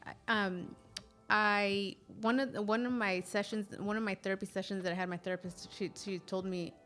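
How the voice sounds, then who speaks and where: A woman co-hosting a relaxed podcast talk a mid-range voice. She gives lots of short supportive agreements. She also tells her own stories expressive emphasis. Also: medium pitch, normal speed, faint music behind. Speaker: podcast co-host. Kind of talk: casual podcast conversation.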